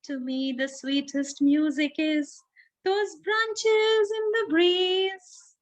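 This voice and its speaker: A woman voicing a kindly, wise little storybook cricket in gentle, encouraging, drawn-out phrases. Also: very high-pitched, little pitch movement, heavily acted. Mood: gently encouraging.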